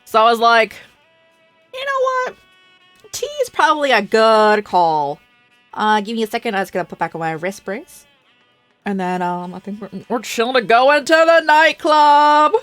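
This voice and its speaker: A woman streaming a game, chatting casually and reacting loudly with frequent laughs, her voice slightly hoarse. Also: on the high side, moderate pace, no echo. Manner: animated, reactive, laughs often. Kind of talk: casual live-stream commentary. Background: faint game music.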